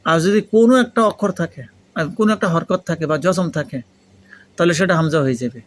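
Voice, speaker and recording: A Pakistani-accented man with a fairly high voice gives an interactive lesson. A native Urdu speaker, he talks in a foreign learner's Bengali with Urdu phrases mixed in. He explains step by step, repeats key points and keeps prompting with questions. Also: fairly quick. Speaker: Arabic grammar teacher.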